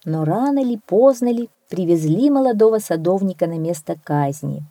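Woman narrating a fairy tale, mellow. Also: lowish voice, moderate pace, dry recording. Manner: expressive, lively storytelling. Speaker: storyteller.

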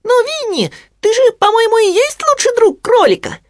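Storybook piglet, small, excitable, squeaky and very high. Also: male voice, moderate pace, no room sound, clean studio sound. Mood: eager. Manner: squeaky, eager. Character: excitable little male piglet.

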